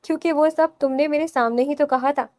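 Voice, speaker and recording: Unflappable teasing young husband in a storybook, relaxed amused delivery, read by a woman, dry close mic. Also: high-pitched, no room sound, lightly acted. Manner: calm, teasing.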